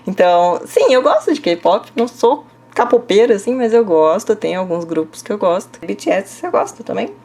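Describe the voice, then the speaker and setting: A young woman from the interior of São Paulo state, with a São Paulo Brazilian Portuguese accent, teaches Korean and casually answers viewer comments. Her mid-range voice is very animated, a little mellow and moderately paced, and she chats along with lots of fillers like "né?" and "tá?" and a few small laughs.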